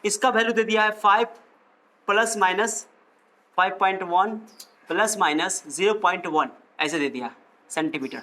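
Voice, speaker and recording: A male physics teacher with a high, pushed, bright voice works through problems at normal speed, leaving long pauses. He keeps things playful, joking, teasing his students and quizzing them along the way.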